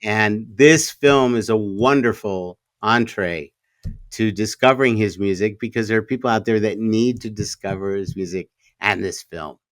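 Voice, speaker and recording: Smooth-voiced American man talking film. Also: lowish voice, moderate pace, dry recording. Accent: standard American. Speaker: film commentator. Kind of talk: conversational film discussion.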